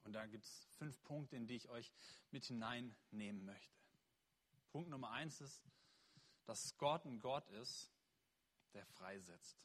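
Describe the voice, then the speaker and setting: A man's voice: medium pitch, takes it slowly, pauses often. A man preaching, who first reads a Bible passage aloud and then explains it as a sermon, earnest and with small slips. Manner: husky voice, earnest reading with slips and self-corrections.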